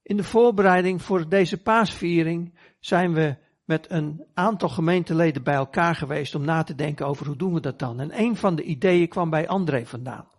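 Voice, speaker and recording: A man preaches a sermon in an earnest storytelling manner, giving the quoted voices a little life. His voice sits a touch high and carries a slightly husky edge. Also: moderate pace, hardly any pauses.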